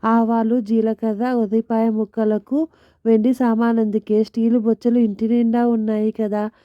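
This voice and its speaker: A woman voicing an excited, bossy middle-aged wife who chides her husband in a storybook tale. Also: fairly high pitch, moderate pace, no echo, lightly acted. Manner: chiding, eager. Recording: dull lo-fi dry recording.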